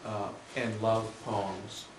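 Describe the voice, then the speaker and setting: A man giving a live poetry reading, introducing his poems with many hesitations and reading them slowly and deliberately. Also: on the low side, level tone, slight background noise. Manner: hesitant, filler-heavy introductions; slow, measured reading. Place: room at a live reading with an audience. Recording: roomy, distant mic with faint ambience.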